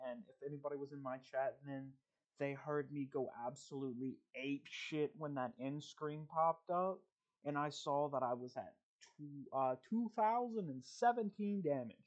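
On a muffled recording, a medium-pitched man hosts a podcast, chatting casually. He tells loose, rambling stories laced with plenty of swearing.

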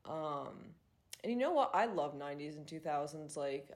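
A woman in her twenties hosts a casual solo podcast, chatting with plenty of fillers and swearing. Her low-pitched voice has lively intonation and a moderate pace, and she sounds congested and nasal.

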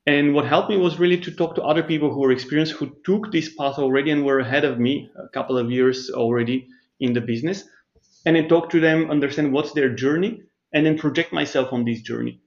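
Measured man speaking over muffled audio. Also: fairly high pitch. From Bulgaria. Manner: measured, explanatory, with restarts and thinking pauses. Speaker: startup CEO, guest. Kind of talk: conversational interview answers.

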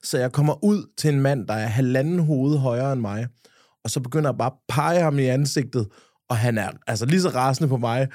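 A man's voice: mid-range voice, a little mellow, dry recording, studio quality. A man, co-hosting a podcast and telling rambling anecdotes, full of restarts and swearing. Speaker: podcast co-host. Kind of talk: casual chat, storytelling.

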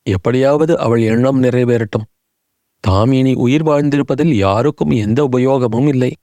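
Man, audiobook narrator, measured dramatic storytelling, close studio mic, dry sound. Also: medium pitch, dark tone, no room sound.

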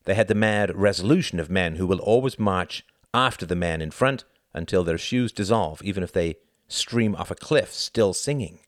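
Male audiobook narrator, very low, lively delivery, dry close sound. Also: moderate pace, dry recording. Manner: expressive storytelling reading. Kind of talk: scripted narration.

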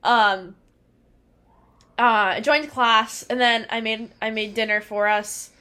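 A young woman in her twenties chatting as a podcast co-host, her voice sitting a little high. She rambles through the story with constant "like" and "um" fillers and breaks into laughter often. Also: steady tone, takes it slowly, sharp tone. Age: 20s. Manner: rambling, fills with "like" and "um"; laughs often while telling. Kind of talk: casual storytelling chat.

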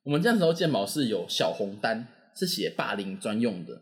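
A man's voice: fairly low pitch, a little fast. A young man with a Taiwanese Mandarin accent, telling a story in casual chat and acting out the voices of the people in it. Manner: lively, animated, acts out quoted voices.

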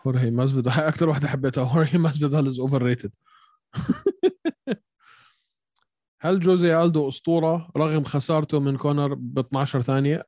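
A male host with a Levantine Arabic accent and a somewhat high voice. He talks quickly in a casual sports debate and drops English words into his Arabic. The sound is dry and close. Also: lively intonation, warm tone, dry recording. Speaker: podcast host reading viewer questions.

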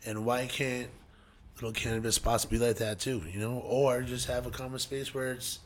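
A man's voice: mid-range voice, little pitch movement, moderate pace. A man co-hosting a podcast, easygoing, asking questions in casual chat. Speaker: podcast co-host.

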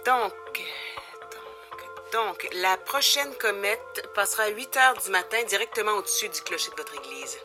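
A woman's voice: mid-range voice, lively intonation, moderate pace, natural voice. A woman playing a female phone operator, polite and formal in a scripted call-center manner. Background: loud music.

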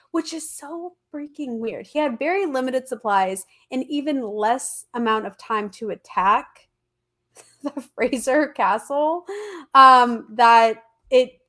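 A woman with a congested, stuffy nose from allergies, telling history as a podcast host in a casual, slangy, emphatic way. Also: a little high. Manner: chatty, informal, slangy and emphatic. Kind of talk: casual conversational history storytelling.

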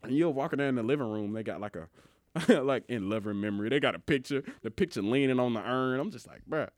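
A man's voice: medium pitch, fast, a little mellow, no echo, clean studio sound. A young man with a Mississippi accent chatting casually in a slangy, emphatic storytelling way. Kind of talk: casual, animated banter.

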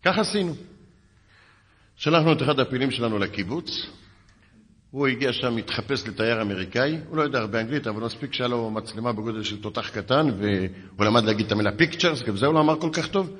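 A man gives a rabbi's lecture in the manner of a lively storyteller, slipping into dry sarcasm. His voice is mid-pitched, neither high nor low. The sound carries a long reverb, as in a large lecture hall. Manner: lively storyteller, dry sarcasm, acts out both sides of dialogues. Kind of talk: storytelling lecture with acted quotes.

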